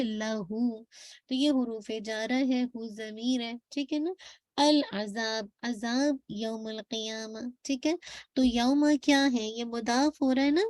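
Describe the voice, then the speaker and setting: A woman teaching an Arabic grammar class, explaining patiently, checking in with her students often and reciting verses slowly. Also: a little high, darkish tone, no room sound. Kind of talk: classroom lesson.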